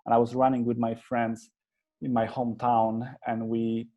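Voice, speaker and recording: A Polish man in his thirties, an agency founder, talks through his career as an interview guest in a conversational exchange. His mid-range voice is monotone at a normal speed, and he sounds earnest and hesitant, restarting often. He speaks with a Polish accent over phone-quality audio.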